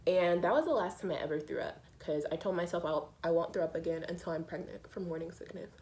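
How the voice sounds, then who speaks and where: A woman in her twenties chatting casually as a beauty vlogger, telling stories while doing her makeup and acting out quotes in a higher voice. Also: fast talker, poor audio. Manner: animated, acts out quotes in a higher voice.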